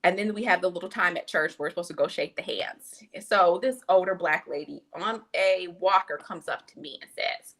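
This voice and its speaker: A young adult woman, a physician guest on a podcast, telling an animated story and acting out the people she quotes. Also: lowish voice, brisk, few pauses. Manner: acts out quoted people in exaggerated voices. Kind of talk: animated storytelling in casual conversation.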